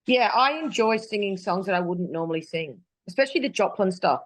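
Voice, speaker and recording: Speaking a little fast with lively intonation, this Australian woman is a singer guest in a casual interview. Her mid-range voice comes through a video call with no room sound, and she rambles with plenty of fillers and restarts.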